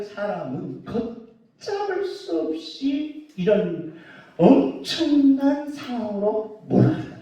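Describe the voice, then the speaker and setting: A male pastor preaching a sermon in an animated way, joking and scolding with rhetorical questions. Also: extremely high pitch. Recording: roomy dull sound from far off.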